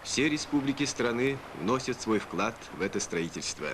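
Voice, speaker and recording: A man's voice: mid-range voice, lively intonation, normal speed, background noise. A man narrating an old newsreel in a formal, solemn, declamatory way, over music.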